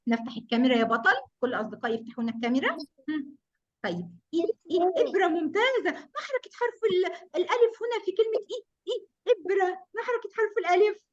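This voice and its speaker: A woman teaches a kindergarten class over a video call, her voice high and swooping. She speaks in an affectionate, encouraging sing-song. The audio is dull and muffled. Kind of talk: online class for small children.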